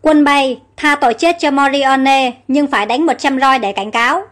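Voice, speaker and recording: A furious old king who barks harsh orders from his throne, read by a woman storyteller. The voice stays high, with faint music underneath. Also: steady tone, moderate pace, lightly acted. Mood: stern. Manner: barking stern orders. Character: angry old male king, harsh and commanding.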